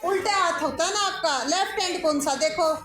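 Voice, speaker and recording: A woman's voice: very high-pitched, a little fast, noisy background. A woman schoolteacher teaching pupils in a classroom, calling on them, praising and correcting their answers. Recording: echoey classroom with music over it.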